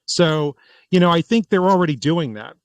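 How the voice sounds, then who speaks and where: A man hosts a political talk show in an animated, chatty way, often stopping to restart and repeat his words. His voice sits fairly high for a man. The sound is dry and close, with no room around it. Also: normal speed, no echo, rough recording. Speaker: podcast host. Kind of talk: casual political commentary.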